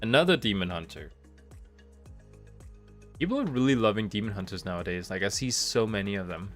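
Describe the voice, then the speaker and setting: With a touch of a cold making him nasal, this streamer talks through his game from home, rain audible outside and soft music playing behind him. He rambles and restarts his thoughts, his fairly low, fairly bright voice moving quickly with lively intonation.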